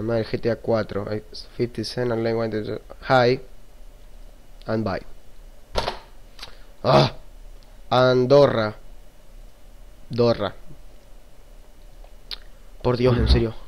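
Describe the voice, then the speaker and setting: This is casual webcam vlog commentary from a young Argentine man speaking Argentine Spanish, crude and jokey, swearing and poking fun at himself. He's indoors at a desk in a small room, recorded on a computer webcam mic, his mid-range voice over slight background noise.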